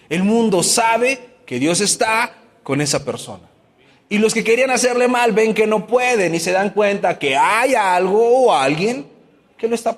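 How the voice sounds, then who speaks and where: A man's voice: high-pitched, big-room sound. A man preaching a sermon as pastor, asking his congregation many questions and acting out everyday complaints.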